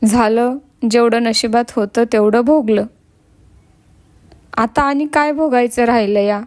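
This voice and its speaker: A woman's voice: fairly high pitch, steady tone, measured pace, darkish tone, lightly acted. A woman voicing a blind, ailing village woman who speaks in a sad, pleading rustic way. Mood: sorrowful.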